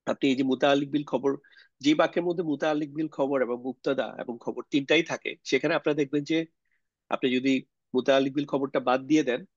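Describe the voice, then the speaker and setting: Male online teacher, explains step by step and quizzes students, mid-pitched, dry lo-fi mic. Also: no echo. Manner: explains slowly, poses questions to students, mixes English words. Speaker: Arabic grammar teacher. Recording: dull lo-fi sound, dry.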